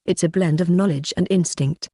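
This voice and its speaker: A storybook reader voicing a composed, authoritative ancient sorceress who is also a mother, speaking calmly and instructively. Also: mid-range voice, normal speed, dry recording, studio quality, natural voice. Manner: calm, instructive.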